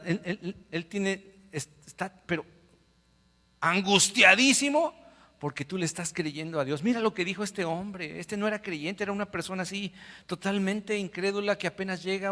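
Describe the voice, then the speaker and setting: A male pastor preaching a lively sermon, swinging between loud exhortation and quiet storytelling. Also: sits high, big-room sound. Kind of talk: lively sermon with acted-out anecdotes. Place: church sanctuary with a PA speaker.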